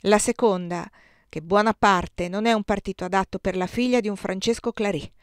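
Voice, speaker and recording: Woman doing a gruff older male army colonel, brusque, blustering, audiobook, dry close recording. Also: medium pitch, steady tone, normal speed, no room sound, close to an everyday voice. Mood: stern. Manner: brusque, blustering, shouts when annoyed.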